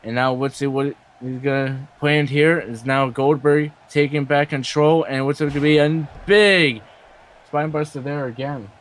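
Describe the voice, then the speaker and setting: A man working as a wrestling commentator, giving excited play-by-play and drawing out his calls of big moves. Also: medium pitch, normal speed.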